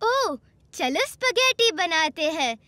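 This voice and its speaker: A woman voicing an excited, chatty little girl pig in a cartoon dub. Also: slow pace, a crowd in the background, full character voice. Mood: cheerful. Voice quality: high childlike squeaky voice. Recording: music behind the voice.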